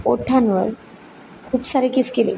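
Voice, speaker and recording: Female storyteller with a mellow, fairly high voice for unhurried romance narration. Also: gravelly, slight background noise, rough recording. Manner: unhurried, with frequent restarts.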